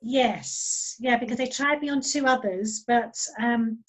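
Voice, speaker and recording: A woman's voice: a little high, a little slow, poor audio. A woman chatting cheerfully on a video call, laughing now and then. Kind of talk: casual chat.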